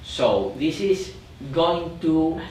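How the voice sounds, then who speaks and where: Slow-speaking male meditation teacher in an echoey room. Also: fairly high pitch, animated, a little mellow, slight background noise. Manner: slow, repetitive, searching for words. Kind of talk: guided meditation instruction. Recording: echoey room, mic far off.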